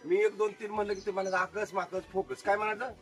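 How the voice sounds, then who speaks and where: A man performing a lively magic show for a crowd, joking with and coaxing the audience. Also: sits high, fast, over music. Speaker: stage magician.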